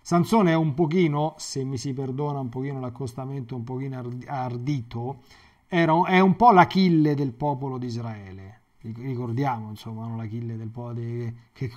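A man, a priest giving a Bible catechesis, who talks in a digressive, halting way and often repeats words and restarts. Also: medium pitch, darkish tone, dull audio.

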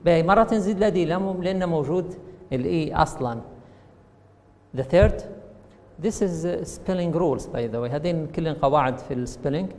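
A man's voice: a little high, a little fast, darkish tone, long reverb tail. Libyan man teaching English grammar. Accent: Libyan Arabic. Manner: explains step by step, switching between Arabic and English. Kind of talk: classroom lesson explaining grammar.

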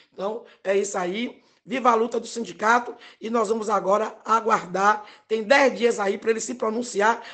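A middle-aged woman with a Bahian Brazilian accent, a teachers' union director giving an emphatic, indignant statement to the press, repeating her key points. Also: a little high. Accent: Bahian Brazilian Portuguese.

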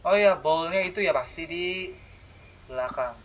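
A man's voice: fairly high pitch, normal speed, fairly bright tone. A young man, chatting to viewers while playing a horror game and letting out sudden startled exclamations. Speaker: gaming channel host. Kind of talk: horror game let's play commentary. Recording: dull lo-fi audio with faint hiss.

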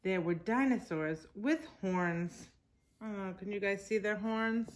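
In a home living room, a woman in her forties takes it slowly, her mid-range voice reading a picture book to young children. As a teacher would at storytime, she uses simple phrases, stresses key words and addresses the children with little asides.

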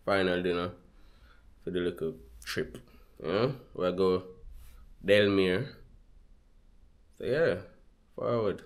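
A man's voice: low-pitched, slow, pauses often, far from the mic. A man with a Jamaican accent vlogging casually, slipping between patois and plain English. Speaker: travel vlogger. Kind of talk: casual vlog commentary.

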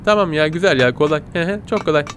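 A man giving playful, excitable let's-play commentary, chatting to his viewers and yelping at every surprise. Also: fairly high pitch, fast talker, background noise. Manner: excitable, yelps and squeals at surprises, talks to viewers as "kitties". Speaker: gaming channel host.

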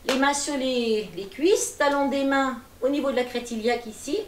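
High-voiced woman coaching a gentle workout. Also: moderate pace. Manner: calm, encouraging, folksy. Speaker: gentle gym instructor. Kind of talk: guiding a seated exercise class. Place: attic room at home, indoors. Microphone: far camera. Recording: echoey room from far off.

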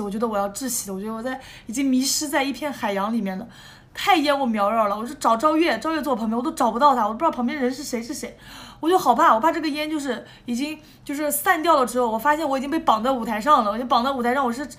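A young woman, chatting alone and telling a lively, animated story. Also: high-pitched. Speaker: idol group member. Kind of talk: casual solo chat.

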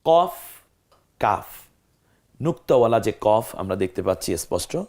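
A man teaching a Quran pronunciation lesson, explaining and slowly demonstrating each letter sound and repeating drills. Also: fairly low pitch, expressive, darkish tone.

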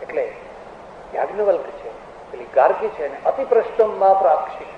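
A man's voice: sits high, lively intonation, brisk. A male religious teacher giving a spiritual discourse, telling anecdotes with rhetorical questions and now and then mimicking other people's voices. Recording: echoey hall, tinny phone-like sound, faint hiss.

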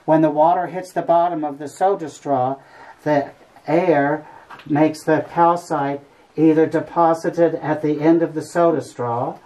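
Low-voiced, folksy woman guiding a tour. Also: warm tone. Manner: folksy, joking. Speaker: cave tour guide. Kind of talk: informal guided tour talk to a group. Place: inside a cave among a tour group. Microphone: visitor's camera at some distance. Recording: noisy on-location camera audio.

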